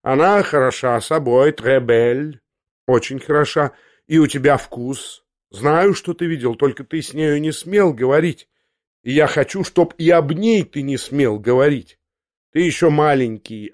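A man's voice: medium pitch, measured pace, darkish tone, no room sound, natural voice. A crude young schemer talks in a pushy, sneering way, voiced by a man. The sound is dry and close to the mic. It is a storybook reading. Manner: brash, coaxing, sneering.

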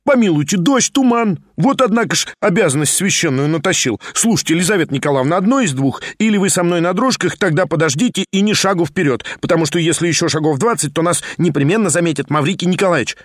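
A man reading a novel aloud and voicing a fussy, scheming young man who pleads and coaxes in a rapid, high patter. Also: expressive, dry recording, clean studio sound. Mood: impatient. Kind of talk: audiobook character reading.

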